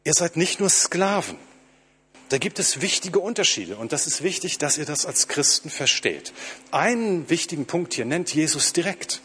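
A man preaching a sermon to his congregation, slowing down to stress quoted lines. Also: fairly high pitch, expressive, bright, forceful tone, slight background noise.

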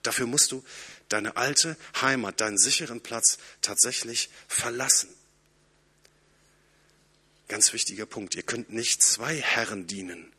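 A male preacher delivers a sermon with earnest conviction. His voice is bright and forward with a husky edge, and he swings from emphatic lines to hushed, intimate ones. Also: medium pitch, unhurried, pauses often.

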